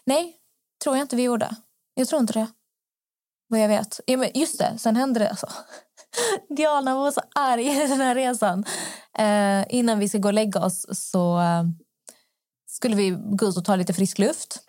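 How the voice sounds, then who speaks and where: A woman tells a story on a chatty podcast, slipping into the voices of the people she describes. Her voice sits a little high. The sound is dry and close, with no room echo. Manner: animated, acts out the people in her stories. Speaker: podcast host. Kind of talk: casual storytelling chat.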